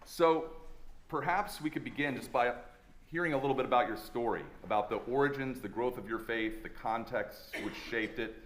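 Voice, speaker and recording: A man working as an assistant chaplain hosts a faculty talk, reading a formal introduction in a measured, courteous way and then asking questions. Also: medium pitch, slight background noise. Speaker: assistant chaplain and interview host. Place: chapel center event space. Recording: echoey room with faint ambience.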